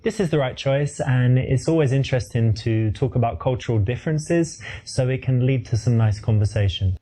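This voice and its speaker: A man playing a calm dating coach explaining advice to the player. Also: mid-range voice, moderate pace, natural voice. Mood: instructive. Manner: calm, instructive.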